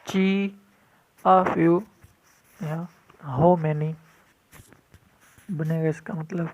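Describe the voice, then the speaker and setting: On a dull lo-fi recording, a male language teacher runs a vocabulary lesson, firmly drilling each new word several times and mixing English glosses into his explanations. His voice is a little high, fairly even in intonation and slightly mellow.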